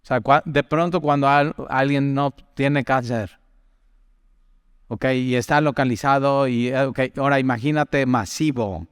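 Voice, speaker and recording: A man's voice: mid-range voice, measured pace, clean tone, no echo, studio quality, big-room sound. A young man preaching, telling personal stories and asking the listener questions. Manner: chatty, tells personal anecdotes, asks the listener questions. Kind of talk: conversational sermon.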